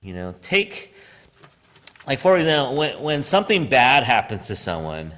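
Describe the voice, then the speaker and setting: A man's voice: medium pitch, sing-song, moderate pace, a bit bright, long reverb tail. A man preaching a sermon in a church, conversational and self-deprecating, tagging lines with "right?" and laughing at himself. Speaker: preacher and high school teacher. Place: church sanctuary.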